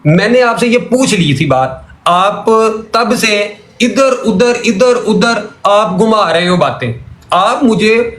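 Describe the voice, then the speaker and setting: A high-pitched man argues hotly on a call-in, working through his complaints point by point and circling back to them. His voice rings in a noticeably echoey room. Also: lively intonation, fairly bright tone. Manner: argumentative, numbers and repeats his points. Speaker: caller in a religious debate. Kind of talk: heated call-in argument.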